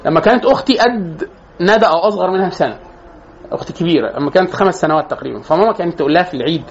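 A man's voice: high-pitched, very fast, dull audio, slight background noise. A man with an Egyptian accent giving an informal psychology lecture to a class, chatty and joking, often restarting his phrases. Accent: Egyptian Arabic.

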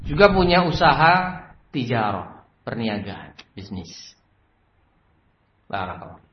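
A man's voice: medium pitch, very animated, slow. A man, preaching a sermon as a story, who keeps repeating a set blessing phrase. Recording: roomy, slightly dull recording with faint noise.

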